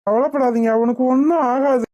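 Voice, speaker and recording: A woman voicing a gentle older man who calms his crying wife. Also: high voice, fairly quick, highs cut off, voice pushed down, lightly acted. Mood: soothing.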